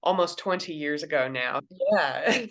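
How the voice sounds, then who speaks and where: A woman's voice: low voice, animated, slow pace. A woman in her thirties from Kentucky, a children's book author answering interview questions and explaining things simply. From Kentucky, USA.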